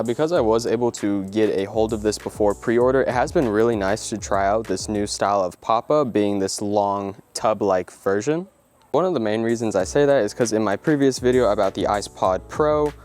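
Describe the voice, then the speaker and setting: A man's voice: lowish voice, a little mellow. A man presenting a video product review in an explanatory, informal way, part scripted and part casual. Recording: background music under the voice. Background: music.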